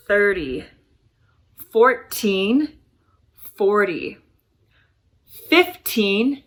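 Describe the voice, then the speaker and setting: An American woman with a fairly high voice teaches English pronunciation in a chatty, upbeat way, dropping casual fillers as she goes. Her first language is English, and her Portuguese carries her American accent. Background music plays clearly under her voice. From United States. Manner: lively, chatty, with colloquial fillers. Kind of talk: YouTube lesson.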